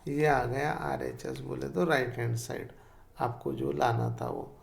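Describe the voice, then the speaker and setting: A man's voice: medium pitch, steady tone, unhurried, creaky. A man teaching a math lesson, patiently repeating each step and checking whether students follow.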